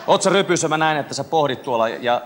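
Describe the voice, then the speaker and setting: A man's voice: fairly high pitch, animated, a crowd in the background, background noise. A man hosting a TV quiz show live aboard a cruise ship, bantering and teasing the contestants between questions.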